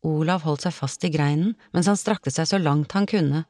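A woman narrating a novel in an expressive, dramatic audiobook reading. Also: sits low, no echo, clean studio sound.

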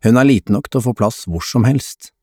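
A man narrating an audiobook in a calm, even storytelling manner. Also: mid-range voice, breathy edge, dry recording, studio quality. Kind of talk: scripted narration.

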